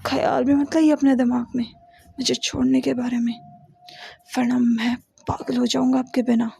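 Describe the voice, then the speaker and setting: A woman's voice: sits high, little pitch movement, moderate pace, creaky, mellow, slightly rough, exaggerated voice. A woman voicing a clingy, teasing, possessive young male lover in a read-aloud story, in a playful coaxing way.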